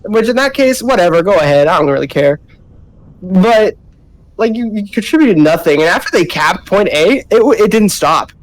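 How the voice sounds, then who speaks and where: A man casting a game live in quick, casual play-by-play while his mic peaks into clipping distortion. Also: sits high, animated. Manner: quick, casual, chatty calls. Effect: peaking mic with clipping distortion. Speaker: esports caster.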